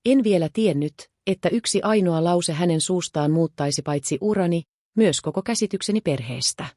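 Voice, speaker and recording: A woman narrating a first-person story in a calm, measured way. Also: fairly low pitch, dry recording, studio quality.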